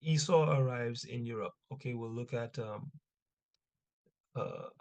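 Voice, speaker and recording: A man with a mid-pitched voice leads an informal class as its teacher. He reads from sources and comments on them emphatically. He keeps checking in with rhetorical questions and short tags. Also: lively intonation, measured pace, gravelly, darkish tone, muffled recording. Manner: emphatic, punctuates points with rhetorical questions and tags like 'right?' and 'man'. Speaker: teacher leading an online religious history class. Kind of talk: informal lecture, reading and commenting on texts.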